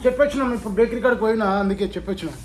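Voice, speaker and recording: A woman's voice: lowish voice, a little fast, a crowd in the background. A woman with a Telangana Telugu accent filming a casual home vlog, chatting to the camera and coaxing and teasing her children. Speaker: family vlogger.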